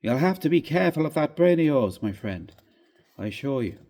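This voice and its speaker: A man's voice: on the high side, very animated, fairly quick, dark tone. A man reading a ghost story aloud, voicing a jovial, brusque young Irish doctor who scoffs emphatically. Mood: grim warning.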